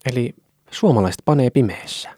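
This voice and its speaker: A man's voice: medium pitch, breathy edge, no room sound, studio quality. A man co-hosting a podcast, telling stories bluntly and with jokes in a casual chat. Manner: joking, blunt, animated storytelling. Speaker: podcast co-host.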